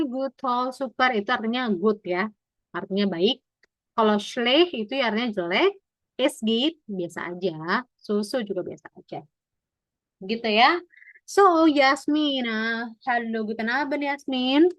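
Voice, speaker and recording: A woman's voice: fairly high pitch, animated, a little slow, a bit bright, no echo. A woman teaching German in an online class over a video call, explaining patiently, mixing in English and quizzing her students.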